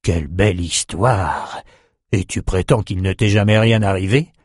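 A man voicing an older male sorcerer who speaks slowly and measuredly, with a gently teasing tone. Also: low voice, dry recording, studio quality. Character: older male sorcerer, calm and wry mentor.

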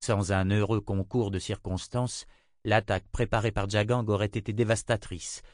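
Deep-voiced man reading an audiobook. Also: fairly even intonation, moderate pace, a little mellow, no echo, clean studio sound. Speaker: audiobook reader. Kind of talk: scripted fantasy narration.

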